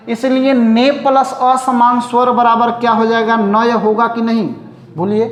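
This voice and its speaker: A man teaching Hindi grammar at a whiteboard, who keeps asking rhetorical questions and then answers them himself. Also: extremely high pitch. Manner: repeats rhetorical questions to students. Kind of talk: whiteboard lesson. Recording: echoey room.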